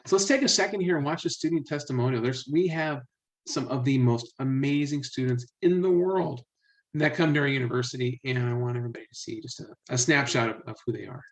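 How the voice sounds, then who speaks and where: A man's voice: medium pitch, quick pace, rough recording. A man talking about study programs in an encouraging way, with many fillers. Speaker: university presenter. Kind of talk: promotional talk to camera.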